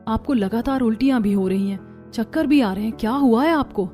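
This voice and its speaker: A woman voicing a caring young daughter-in-law in an animated cartoon, speaking politely and eagerly. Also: fairly high pitch, fairly quick, soft background music, lightly acted. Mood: surprised.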